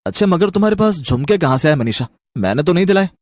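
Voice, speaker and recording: A woman's voice: lowish voice, fast talker, no echo, studio quality. A woman voicing an easygoing, reassuring young husband in a spoken story. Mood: cheerful. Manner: relaxed, reassuring.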